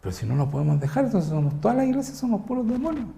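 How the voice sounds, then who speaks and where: Brief: male Chilean pastor, fairly high gravelly voice, emphatic sermon full of rhetorical questions. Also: sing-song, rapid-fire. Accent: Chilean Spanish. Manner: swings between loud and low delivery.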